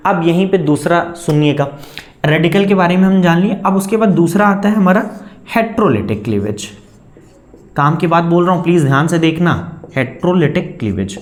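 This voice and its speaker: A man teaching chemistry, coaxing students he calls beta and answering his own questions. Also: on the high side. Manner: dictates definitions slowly, word by word. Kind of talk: classroom lecture. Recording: echoey room.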